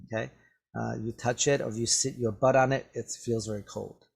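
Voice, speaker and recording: A man's voice: mid-range voice, steady tone, normal speed, creaky, slightly rough. A man teaching English, reading a story aloud to students and explaining the words, patiently repeating each one several times into a webcam.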